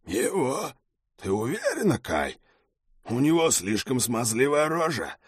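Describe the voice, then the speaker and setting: A man's voice: medium pitch, wildly swooping pitch, measured pace, breathy edge, no room sound, studio quality, voice pushed up, exaggerated voice. A man voicing a hulking, blunt male gang leader in an audiobook. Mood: gruff. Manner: blunt, growling.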